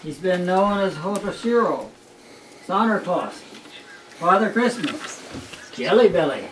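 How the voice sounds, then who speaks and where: A grandfather reads a Christmas story at home in an expressive, slightly slow, high-pitched voice with a fairly bright tone. His storytelling is wry and amused, and the roomy, distant home recording carries a little hiss or hum.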